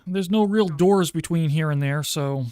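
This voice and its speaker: A voice roleplayer explaining things in a plain, relaxed way. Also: medium pitch, normal speed, clear, resonant tone.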